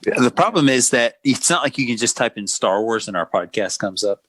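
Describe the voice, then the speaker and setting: A man's voice: mid-range voice, expressive, fairly bright tone, husky, dry recording. A man co-hosting a podcast in casual chat, making playful, joking asides. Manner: jokey, quick asides, playful. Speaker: podcast co-host.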